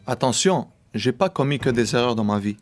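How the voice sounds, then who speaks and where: A man in his late thirties with a Québécois French accent, reflectively telling his own life story as a personal testimony, measured and with small hesitations. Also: medium pitch, lively intonation, faint music behind. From Quebec, Canada.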